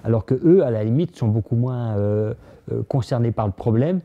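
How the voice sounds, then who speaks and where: A man from France giving personal testimony in a halting way, with many pauses and restarts. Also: mid-range voice, phone-quality sound. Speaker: interviewee.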